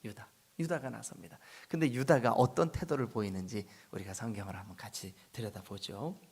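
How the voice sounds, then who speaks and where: A middle-aged man from South Korea, a pastor giving an early-morning church sermon, telling the story with lively acted-out voices and soft whispered asides. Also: lowish voice, fairly quick, gravelly, breathy edge.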